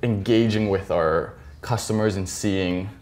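A man in his thirties, a tattoo artist talking earnestly in a casual interview, laughing often and filling pauses with ums. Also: deep voice, a little mellow. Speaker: tattoo artist and shop owner.

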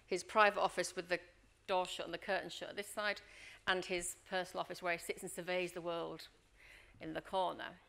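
This is a fairly low, creaky female voice belonging to a middle-aged leadership coach who trains workshops. Her talk is full of acted-out anecdotes, told with lively energy, and she keeps turning to her audience with "Okay?"

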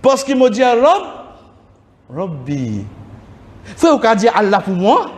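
A man giving a religious lesson in a mosque hall, slowly repeating Arabic words to correct their pronunciation. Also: sits high, huge pitch swings. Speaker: religious teacher.

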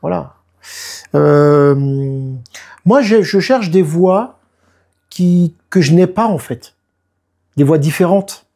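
Slow, husky, and high-pitched, with vocal fry and long pauses, this man's voice belongs to a musician and producer in his fifties. As an interview guest in casual talk, he tells lively stories and often acts out others' words.

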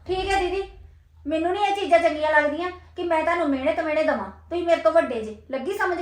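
A woman's voice: very high-pitched, fast talker, roomy sound. A woman with a Punjabi accent, acting an angry, reproachful younger sister-in-law in a scripted family drama.

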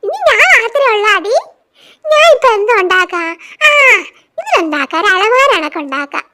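A woman voicing children in a doll show, with a childlike, excitable delivery that turns to shrieks. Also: very high voice, moderate pace.

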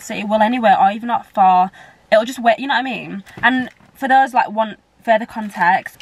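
Chatting to camera indoors at home, a young British vlogger speaks at a medium pitch on a rough recording. Her talk wanders, padded with "like" and "blah, blah, blah."

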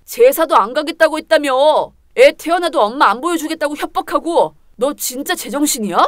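A selfish young husband who sides with his mother, blunt and contemptuous, as a woman puts him on. The voice is pushed lower and sounds dry and close in a dramatized story reading. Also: expressive, fairly quick, no echo. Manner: lower put-on voice, blunt and dismissive.

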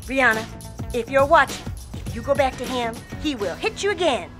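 Woman doing a stern, high-voiced talk show host puppet. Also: expressive, brisk, music in the background. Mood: urgent warning. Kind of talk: puppet parody sketch.

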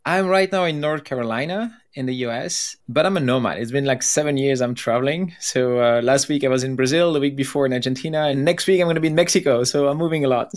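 Man from Belgium, thirties, animated storyteller, video call desk mic. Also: medium pitch, fast, few pauses. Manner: animated, laughs often, gestures while talking. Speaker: podcast guest. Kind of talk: conversational storytelling. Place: home room with plain blue wall.

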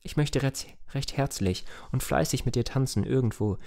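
A man voicing a tender, lively young village girl in a raised, eager pleading tone. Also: mid-range voice, moderate pace, gravelly, pitched above the performer's own voice, lightly acted. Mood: wistful.

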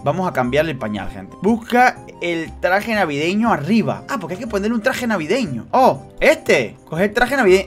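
A man commentating a horror game for his viewers, joking and teasing, dropping to hushed suspense and then bursting into shrieks. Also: sits high. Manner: swings between hushed suspense and sudden loud shrieks. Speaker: gaming youtuber. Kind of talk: excited let's-play commentary.

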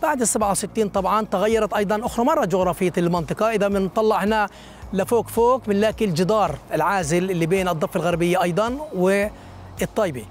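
A man's voice: high voice, racing, soft background music. A middle-aged man, explaining local history and geography in an outdoor interview on an open hillside. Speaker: local guide.

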